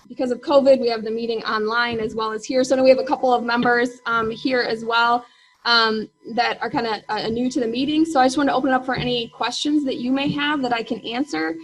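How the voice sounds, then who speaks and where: Higher-pitched woman presenting, full of ums. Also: slight background noise, low-quality recording. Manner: hesitant, frequent ums. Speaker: chief executive speaking at annual meeting. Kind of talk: informal meeting presentation. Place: meeting room.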